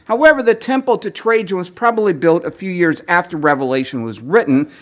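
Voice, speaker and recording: A man giving a teaching sermon, lecturing in a measured way, clearing his throat often as he is losing his voice. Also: high voice, lively intonation. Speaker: preacher.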